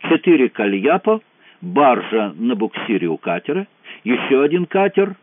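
A man's voice: medium pitch, big pitch swings, no room sound. A man doing a sardonic tough army colonel. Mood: sardonic briefing. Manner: slangy, mocking, brisk. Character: brash sardonic male lieutenant colonel, soldier. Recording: tinny phone-like dry sound.

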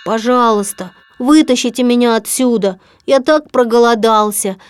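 A woman's voice: on the high side, moderate pace, clear, resonant tone, lightly acted. A woman voicing a grumbling, hungry little bear in a storybook reading. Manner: grumbling, plaintive. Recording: music playing behind.

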